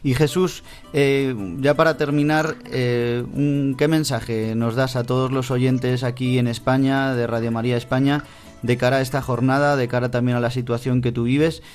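A man from Spain, a priest, hosting a religious radio program in a calm, formal broadcaster manner. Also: medium pitch, moderate pace, faint music behind. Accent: Spain Spanish. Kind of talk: radio interview and program wrap-up.

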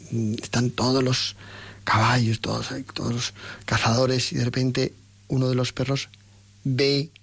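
A man with a gravelly, husky voice shares his faith story as a guest on a talk show. He speaks in a lively, conversational way and slips into other people's voices for remembered dialogue, pitching up as he does. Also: no echo. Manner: animated, acts out quoted dialogue with rising pitch. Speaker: interview guest.

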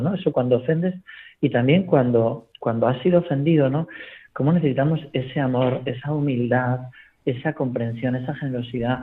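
Priest, radio guest by phone line, mid-pitched, storytelling, leans on "¿no?". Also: male voice. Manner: storytelling, constant tag question "¿no?". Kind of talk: reflective spiritual talk on radio.

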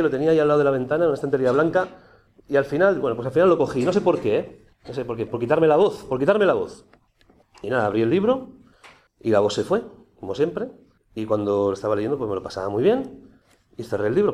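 A man giving a personal testimony to an audience, speaking in a conversational, animated way. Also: medium pitch, fast talker. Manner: conversational, animated, with many restarts.

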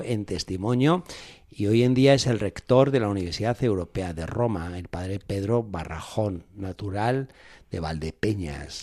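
A man's voice: on the low side, warm tone, no echo. A man, a priest, hosting a radio interview in a friendly, conversational way in a studio. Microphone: studio microphone.

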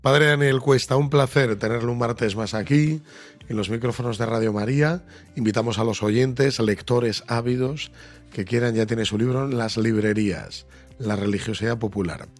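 Hoarse, raspy Spanish male radio host. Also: mid-range voice, normal speed, faint music behind. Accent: Spain. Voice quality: raspy, gravelly like a smoker's rasp. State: hoarse from a cold. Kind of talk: casual radio chat.

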